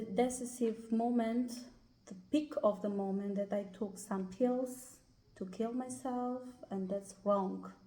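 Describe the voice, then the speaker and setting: Slow, hesitant Albanian-accented woman. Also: fairly high pitch, warm tone. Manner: hesitant, many pauses and "uh" fillers. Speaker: guest. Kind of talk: personal life story in an interview. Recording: roomy echo.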